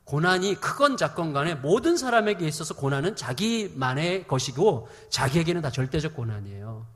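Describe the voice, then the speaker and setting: Animated preacher in a reverberant hall. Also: male voice, fairly high pitch, fairly quick. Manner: animated, acts out quoted voices with humor. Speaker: pastor. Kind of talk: sermon.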